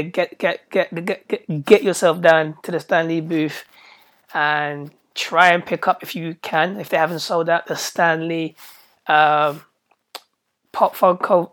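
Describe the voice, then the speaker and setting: A British host chats through a casual podcast, his throat still a little hoarse from being ill. He rambles along in a flat, even tone with hardly any rise or fall, trips over his words and repeats them, and drops slang as he goes. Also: medium pitch. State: hoarse, recovering from illness.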